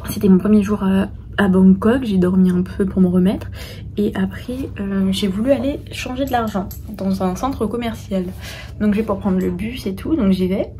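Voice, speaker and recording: A woman's voice: mid-range voice, moderate pace, mellow, faint music behind. A young woman from France chatting informally to camera on a solo trip, with plenty of hesitations. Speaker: travel vlogger. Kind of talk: casual travel vlog talk to camera. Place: outdoors and in small rooms and cafés in a busy city.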